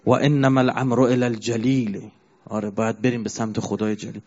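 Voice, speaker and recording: A man's voice: medium pitch, level tone, a little mellow. Grieving male preacher, lo-fi recording. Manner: grieving storyteller, chants verses slowly. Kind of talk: mourning sermon narration. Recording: dull lo-fi recording.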